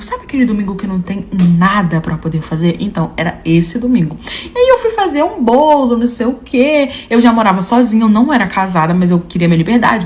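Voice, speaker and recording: A young adult woman telling a dramatic first-person story, acting out the voices of the people in it with big leaps in pitch. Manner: animated, acts out quoted voices with big pitch jumps.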